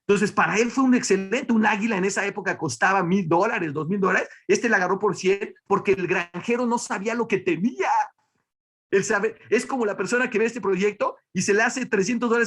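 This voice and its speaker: A man tells a motivational story to his team, his voice pitched high for a man. He is animated and loose, often restarting and doubling words mid-sentence. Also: fairly quick, slightly rough. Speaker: business leader giving a motivational talk.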